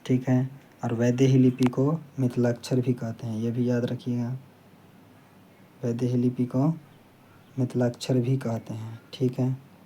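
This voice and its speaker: Male tutor, very dark and mellow tone, monotone delivery, repeats facts for memorizing, faint room noise. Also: medium pitch, measured pace, long pauses. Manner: repeats key points for students to memorize; plain, steady explaining with frequent "ठीक है". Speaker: teacher. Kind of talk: classroom lesson.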